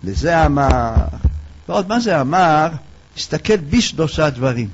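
A man's voice: on the high side, animated, breathy edge. A male preacher giving a sermon, telling parables and acting out their dialogue. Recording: dull lo-fi recording.

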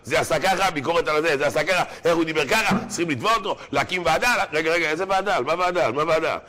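A man delivers a religious talk in an animated storytelling manner, jumping into the voices of the people in his anecdotes. His voice has a bright, forceful edge. He addresses the listeners directly as he drives his points home. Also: fairly high pitch. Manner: animated storyteller, acting out characters. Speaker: religious lecturer. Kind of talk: sermon with joke stories.

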